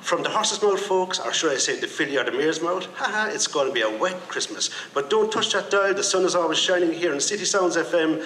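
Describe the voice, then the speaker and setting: Man doing a corny, bright radio DJ with pun-filled patter. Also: fairly high pitch, lively intonation, fairly quick, few pauses, slight background noise. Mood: chirpy. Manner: punning, upbeat patter. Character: cheesy male local radio DJ, jokey. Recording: echoey room, faint ambience.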